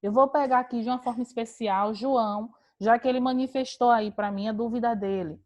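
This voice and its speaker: A woman's voice: fairly high pitch, fairly even intonation, a little fast. A woman teacher giving an online class on a video call, explaining step by step with patient rhetorical questions.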